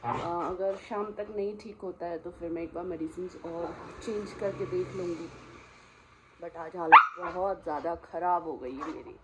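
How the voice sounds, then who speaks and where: Woman vlogger, low-pitched, hoarse and strained from a cold, chatty home-vlog delivery. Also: normal speed, heavy background noise. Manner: chatty, talks to her dogs between remarks. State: hoarse from a sore throat. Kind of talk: casual vlog narration.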